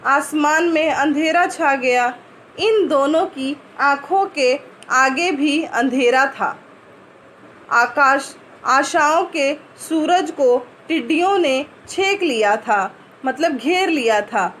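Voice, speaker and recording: A woman's voice: high-pitched, a bit bright, a little hiss or hum. A woman teacher reads a children's story aloud, stopping often to ask and explain what words mean. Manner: pauses to ask and answer word meanings.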